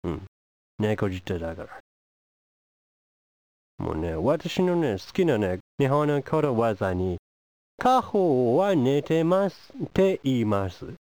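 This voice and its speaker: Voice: medium pitch, very animated, slow pace, long pauses, a little mellow, no echo. A comedian performing a pushy, teasing foreign envoy who badgers the audience with questions in a comic monologue. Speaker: stand-up comedian.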